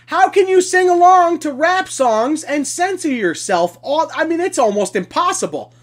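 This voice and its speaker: Woman podcast host, combative sarcastic rant, swears constantly, voice sits a bit high. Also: expressive, moderate pace. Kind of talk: ranting monologue.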